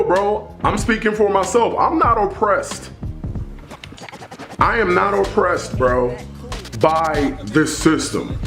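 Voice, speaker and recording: A man's voice: sits high, fairly bright tone, reverberant. A man giving an emphatic, preachy opinion monologue, repeating phrases for stress. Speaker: commentary vlogger.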